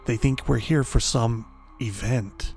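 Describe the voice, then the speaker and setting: A tense male scavenger, voiced by a man mutters blunt, clipped lines in a gravelly, fairly low voice. Faint music plays behind him. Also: takes it slowly, darkish tone. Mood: grim.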